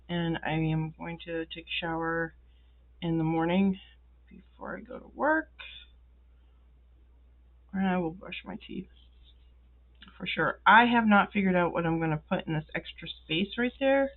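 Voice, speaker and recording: A woman who is congested and feeling ill talks slowly and casually while filling in a planner at a wooden desk indoors, as a planner vlogger. Her voice sits on the low side, and she rambles with many ums and pauses. The sound is tinny.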